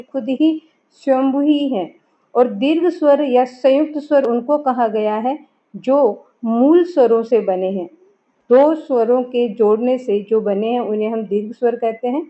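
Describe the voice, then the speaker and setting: A woman with a somewhat high voice teaches a grammar lesson. She explains step by step and poses questions that she answers herself. The recording sounds dull and lo-fi. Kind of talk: classroom lesson.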